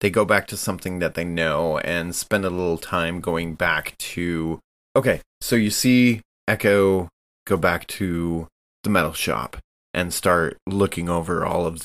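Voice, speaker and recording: Playing a tabletop game, a man casually improvises what his character does, speaking haltingly as he hunts for words. His voice is deep with a fairly bright tone.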